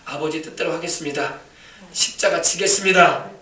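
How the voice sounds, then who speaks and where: Man doing Jesus, solemn and grieving, grave address, high voice, distant mic. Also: moderate pace, pushed and bright. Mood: resolute. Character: anguished yet resolute Jesus, grown man. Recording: echoey church from a distance.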